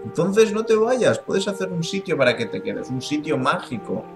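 A man voicing an excitable old male wizard in a game, theatrical and grand. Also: fairly high pitch, moderate pace, over music. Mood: coaxing.

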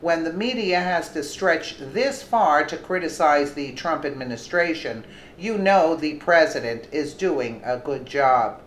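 A woman's voice: sits low, unhurried. A woman hosting, reading a news article aloud with brief commentary. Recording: roomy echo, faint background noise.

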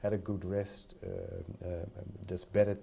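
A hesitant Dutch-accented man stands at a podium giving a conference talk, with many fillers and repeated words, to an audience in the hall. His deep, gravelly, dark voice has a breathy edge, a flat delivery, and a measured pace. The podium mic gives a dull lo-fi recording.

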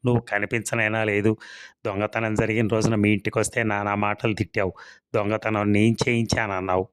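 A man's voice: on the low side, flat delivery, a little fast, dry recording, clean studio sound, natural voice. A man reading a storybook serial, voicing a charming, manipulative village landlord who laughs things off. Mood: coaxing. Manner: smooth, coaxing, laughs things off.

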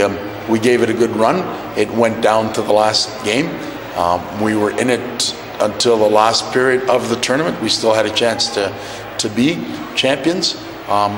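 Middle-aged coach in an echoey arena. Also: male voice, fairly low pitch. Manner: measured, repeats words while searching for phrasing. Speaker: national team head coach. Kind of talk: postgame interview. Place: indoor arena press area by a sponsor wall. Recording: echoey arena hall with noise.

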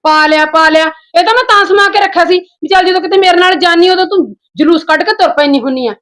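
A woman's voice: very high-pitched, fast talker, a bit bright. A woman playing a harsh, sarcastic aunt who scolds her niece. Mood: scolding. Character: harsh nagging village aunt, middle-aged.

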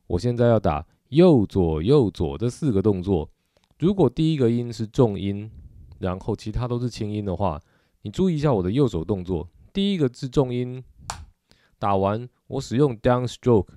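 Low-voiced Taiwanese Mandarin drum teacher. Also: male voice, warm tone, no room sound, studio quality. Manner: patient, explanatory, frequent filler particles. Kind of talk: instructional video lesson.

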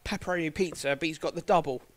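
Male guest sports commentator, English accent, slightly high voice, chatty and repetitive, casual banter. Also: fast. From England.

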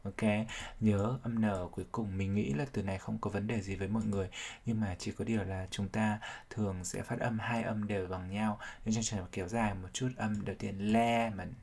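A man's voice: fairly low pitch, fairly even intonation, fairly quick, creaky, hardly any pauses, a little mellow, slightly rough. A man teaching English vocabulary, explaining each sound step by step and repeating words to drill them. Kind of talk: vocabulary pronunciation lesson.

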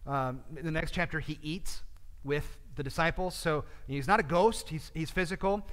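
A man leads a midweek Bible study in a conversational, animated way, dropping in frequent fillers. His voice sits a little higher than most men's. A long reverb hangs after his words in the church. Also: moderate pace.

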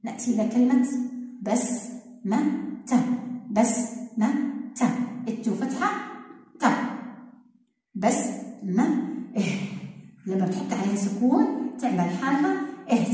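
In an online lesson for first graders, a woman draws out her syllables in a sing-song way. Her voice is mellow and a little high, and the room sounds very echoey, like a hall.

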